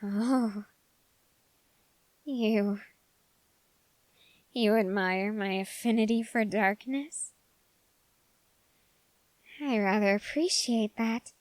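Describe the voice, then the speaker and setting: In an intimate ASMR roleplay, a woman with a mid-range voice portrays an ambitious, dark-hearted young man bargaining with a demon. She speaks slowly and formally, halting with deliberate, drawn-out pauses, and the sound is dry and close with no echo or room around it.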